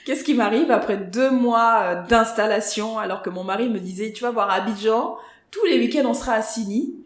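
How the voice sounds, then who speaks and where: A woman guest on a podcast interview, telling her own career story in a lively conversational way and acting out what others said to her. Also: fairly high pitch, moderate pace. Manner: lively storyteller who acts out quoted voices. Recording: roomy echo.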